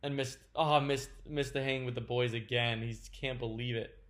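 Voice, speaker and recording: A man's voice: mid-range voice, steady tone, normal speed, a bit bright. A man giving a casual, mock-serious rant as a league commentator, sarcastic and swearing, with sudden exasperated outbursts. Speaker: fantasy football league commentator.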